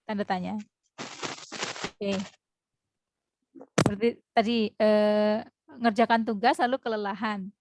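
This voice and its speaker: A woman teaching an online English class, explaining slowly and modeling English phrases. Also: medium pitch, steady tone, background noise.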